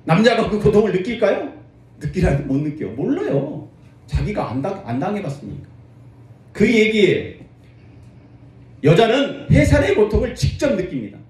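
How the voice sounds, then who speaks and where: A man's voice: high voice, moderate pace, long pauses, very echoey, recorded from a distance. A man preaching a sermon as pastor, calling on the congregation to answer back. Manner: lively preaching with call-and-response to the congregation.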